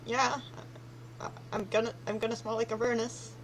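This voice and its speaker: A woman's voice: fairly high pitch, little pitch movement, normal speed, slight background noise, low-quality recording. A woman streamer chatting casually while gaming, rambling and hesitant.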